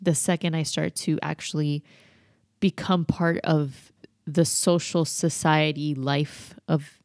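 Low-voiced woman podcaster, thinking aloud. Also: fairly even intonation, takes it slowly, darkish tone, no echo, clean studio sound. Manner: candid, reflective, thinking aloud. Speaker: podcast host. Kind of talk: solo rambling personal podcast monologue.

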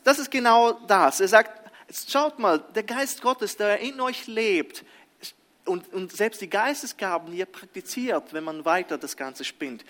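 A man preaching a sermon, reading scripture and then explaining it in an animated way, often restarting his sentences and asking the congregation "Amen?". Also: sits high.

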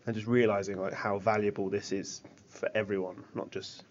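A man's voice: lowish voice, little pitch movement, moderate pace, a little hiss or hum. A man speaks in an earnest, conversational way. It is casual podcast talk, recorded slightly dull and lo-fi. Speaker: football club volunteer and podcast guest. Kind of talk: casual chat.

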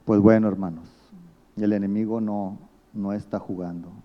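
A man's voice: fairly low pitch, steady tone, moderate pace, lo-fi sound. A man with a Mexican accent preaching a sermon as pastor, telling stories and acting out the people he quotes. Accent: Mexican Spanish.

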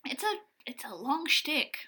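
A woman's voice: high voice, sing-song, a little slow, pushed and bright. A woman co-hosting a podcast in casual chat, a chatty and rambling storyteller. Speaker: podcast co-host.

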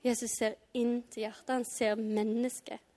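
A woman's voice: a little high, level tone, mellow. A woman giving an informal devotional talk, chatty and casual, acting out reactions in between reading. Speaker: preacher.

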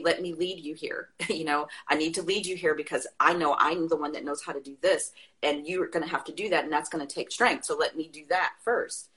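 Passionate woman, lower-pitched and animated. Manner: passionate, animated storytelling with laughs. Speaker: guest. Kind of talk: casual conversation.

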